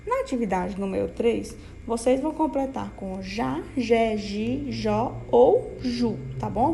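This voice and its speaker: Brazilian woman teacher, slow patient dictation for young kids, slightly raised voice with gravelly fry, faint ambience behind. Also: fairly high pitch, darkish tone, a little hiss or hum. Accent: Brazilian Portuguese. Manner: patient, sing-song, checks in with "tá bom?". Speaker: primary school teacher.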